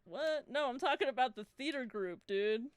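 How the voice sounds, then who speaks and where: A woman's voice: high-pitched, moderate pace. A woman hosting a podcast, chatting casually, telling stories with lots of laughter and swearing. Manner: laughs often, swears freely, animated storytelling. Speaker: podcast host. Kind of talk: casual chat.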